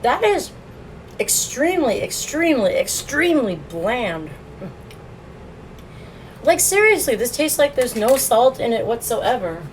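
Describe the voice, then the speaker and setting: A woman's voice: sits high, lively intonation, normal speed, slight background noise, rough recording. A woman streaming a casual food review, chatting with her viewers and laughing often as she eats, recorded on a phone. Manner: chatty, laughs often, talks while eating.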